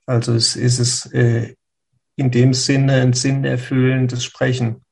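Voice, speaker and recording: A man speaking as a spiritual teacher who answers a listener's question in a slow, searching way, with pauses and restarts. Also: mid-range voice, level tone, vocal fry, slightly rough.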